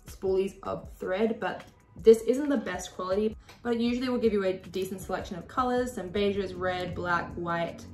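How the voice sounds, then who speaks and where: An echoey small room frames the mid-range voice of a chatty Australian woman in her 20s. Seated at a desk with a sewing machine, she hosts a casual sewing tutorial to camera, her hands gesturing expressively.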